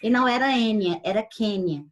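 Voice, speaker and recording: A middle-aged woman from Brazil, a guest on a video-call interview, telling stories in a lively way. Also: mid-range voice, muffled recording, heavy background noise. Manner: lively storytelling, quick laughs.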